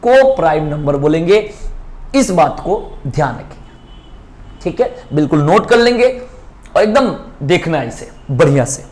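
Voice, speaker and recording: A man teaching maths in a coaching class, explaining slowly and asking check questions again and again. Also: on the high side, sing-song. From India. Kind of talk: classroom lesson at a whiteboard.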